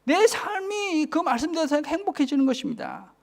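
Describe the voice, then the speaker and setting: Pastor, male, 40s, Busan accent, expressive sermon voice that swoops up and down and checks in with the pews. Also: very high voice, brisk, gravelly. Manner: keeps asking the congregation for agreement, drops to a whisper for emphasis. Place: church.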